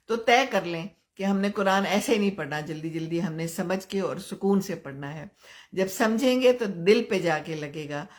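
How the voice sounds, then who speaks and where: An older woman from Pakistan, hosting a live stream and giving gentle advice while answering viewers' comments. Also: sits low. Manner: gentle, advising, chuckles often.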